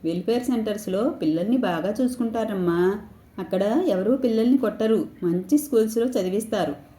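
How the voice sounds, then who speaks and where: A woman voicing a gentle grandmother who softly coaxes and comforts her crying grandson. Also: medium pitch, brisk, natural voice. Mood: soothing. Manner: tender, coaxing. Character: gentle, loving grandmother soothing a child. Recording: echoey room.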